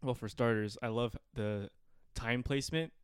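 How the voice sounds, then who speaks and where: A young man talks in a relaxed, slangy way, dropping casual swears as he chats with a friend. His voice sits at a middle pitch. The sound is dry and close to the mic. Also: moderate pace, smooth, no room sound. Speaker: podcast co-host. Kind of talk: casual chat.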